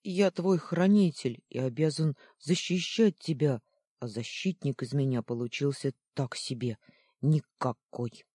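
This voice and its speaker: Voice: mid-range voice, a little slow, dark tone, breathy edge, dry recording, clean studio sound. A storyteller voicing a small, timid winged male guardian creature who talks guiltily and tearfully in an audiobook.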